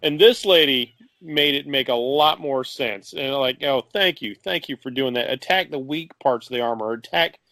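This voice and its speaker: A man's voice: medium pitch, moderate pace, few pauses, sharp tone, dry recording. Rambling male podcast co-host, dry sound. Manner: rambling, lots of fillers, laughs easily. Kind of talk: casual chat.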